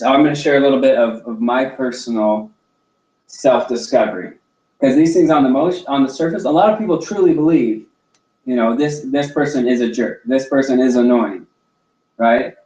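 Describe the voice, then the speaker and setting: A man's voice: mid-range voice, mellow. A man hosting a talk show, speaking earnestly and reflectively, often restarting his sentences as he searches for the right words. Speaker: podcast host. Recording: roomy, distant, dull lo-fi sound.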